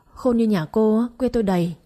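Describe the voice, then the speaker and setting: A woman voicing a sharp-tongued, mocking middle-aged sister-in-law in a read-aloud story. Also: on the high side, lightly acted. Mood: scornful. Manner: mocking, scolding, quick jabs.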